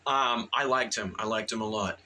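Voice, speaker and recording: A man's voice: fairly low pitch, moderate pace, bright, forceful tone, rough recording. A man giving a casual, rambling movie review, full of fillers and restarts and eager in tone.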